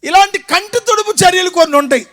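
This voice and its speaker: High-pitched Andhra pastor shouting a sermon. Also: male voice, quick pace. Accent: Andhra Telugu. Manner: dramatic storytelling, acting out village elders; shifts between soft asides and loud shouts.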